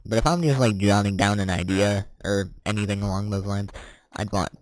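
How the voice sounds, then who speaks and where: A teenage boy chatting casually while playing a game, rambling and correcting himself as he answers quick questions. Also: on the low side, fairly even intonation, no room sound. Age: teens. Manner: rambling, self-correcting, chuckling. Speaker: gaming vlogger.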